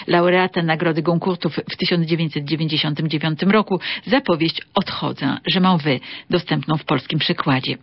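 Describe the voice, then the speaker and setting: A woman hosting a literary radio show, reading a scripted review in a measured, precise way. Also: on the low side, dry recording. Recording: slightly dull radio sound.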